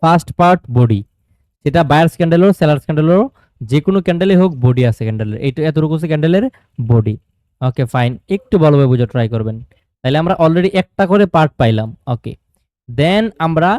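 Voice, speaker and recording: A man's voice: fairly high pitch, lively intonation, quick pace, a little mellow, dry recording, studio quality. A man with a Bangladeshi Bangla accent teaching a live online trading class, asking questions and answering them himself and mixing in English terms.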